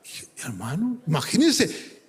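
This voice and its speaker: A man's voice: on the high side, wildly swooping pitch, takes it slowly, husky. A male preacher giving a fervent sermon and prayer, calling his listeners brother. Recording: long hall reverb.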